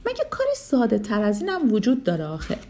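A woman's voice: on the high side, huge pitch swings, warm tone. A woman doing a cocky bully boy elephant. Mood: taunting. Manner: taunting, cocky. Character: big bully boy elephant, boastful and mocking.

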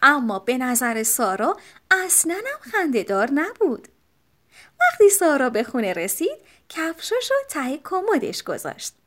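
A woman narrating a children's storybook with expressive, animated storytelling. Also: sits high. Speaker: audiobook narrator.

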